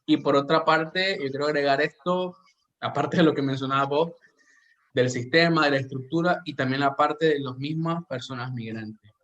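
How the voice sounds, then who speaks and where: This man hosts a casual podcast, speaking with a Central American Spanish accent in an earnest, thoughtful way and often beginning sentences again. His fairly high, slightly bright voice moves at a moderate pace, and the sound is lo-fi.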